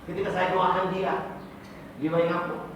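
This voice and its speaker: A man's voice: high voice, flat delivery, a little slow, noisy background. A man preaching a sermon with great passion, acting out tearful prayers to God. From Indonesia. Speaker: pastor. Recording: echoey hall, mic from far off.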